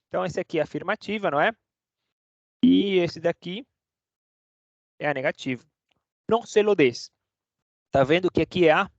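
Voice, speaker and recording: A man's voice: high-pitched, no room sound. Chatty man teaching, dry lo-fi sound. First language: Portuguese. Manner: chatty, keeps checking in with "né?" and "tá?". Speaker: Spanish teacher. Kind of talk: casual online lesson.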